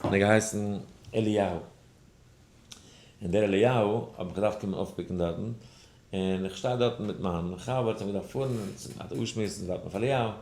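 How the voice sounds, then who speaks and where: A man, a rabbi teaching a daily study class, telling a personal story in an animated way. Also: fairly low pitch, a little fast. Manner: animated storyteller, acts out other voices. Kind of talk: lesson with a told personal story. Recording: roomy echo.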